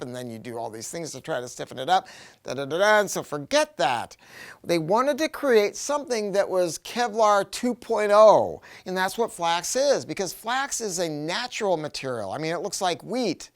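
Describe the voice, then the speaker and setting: A middle-aged American man with a slightly high voice gives a casual, enthusiastic product review, rambling along in colloquial, emphatic language.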